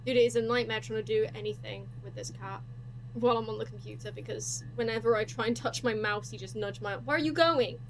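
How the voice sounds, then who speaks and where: A woman's voice: medium pitch, little pitch movement, fast, a little hiss or hum. A young woman playing a game at her computer, chatting, swearing and cooing baby talk to her cat. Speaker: gaming streamer. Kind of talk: casual let's-play commentary.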